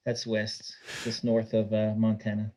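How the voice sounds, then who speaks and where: A man from Quebec, Canada, speaking softly and politely as a guest on a podcast. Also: on the low side, monotone, measured pace, low-quality recording. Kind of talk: casual interview chat.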